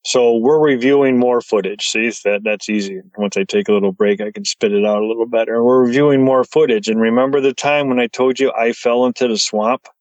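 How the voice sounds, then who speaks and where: A man telling his story as a podcast guest, excited and stumbling over his words as he gets wound up. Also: mid-range voice, fairly quick, few pauses, no room sound, muffled recording.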